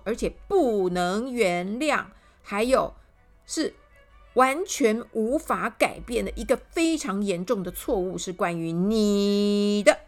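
A blustering, stammering gentleman, put on by a woman reading a children's story, who shouts his complaints, stumbles over his words and repeats everything twice. He sounds offended and fed up, his voice rising loud and high as he rants in a storybook tale. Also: vocal fry, exaggerated voice. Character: loud, huffy, stammering male guest fed up with the host.

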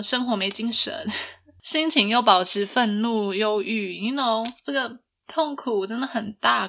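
A woman's voice: mid-range voice, vocal fry, bright, forceful tone. A young woman hosting a podcast, telling a personal story in a chatty way, laughing often and asking listeners rhetorical questions. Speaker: podcast host.

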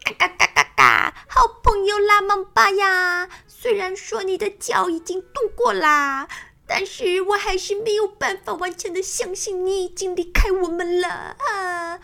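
A woman's voice: extremely high pitch, a little slow, vocal fry, bright, forceful tone, voice pushed up, exaggerated voice. A woman voicing a sly mother guinea fowl in a children's audio story, squawking between her words. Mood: teasing.

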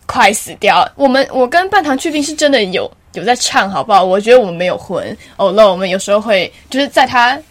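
A woman's voice: mid-range voice, fairly quick, few pauses. A teenage girl co-hosting a podcast, telling school stories in casual chat and laughing often. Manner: animated storytelling, laughing often. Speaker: podcast co-host.

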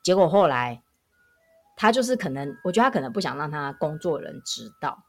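Woman, public health nurse, low voice with fry, lively emphatic storyteller. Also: a little fast, faint music behind. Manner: animated, emphatic anecdote telling. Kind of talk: casual podcast storytelling.

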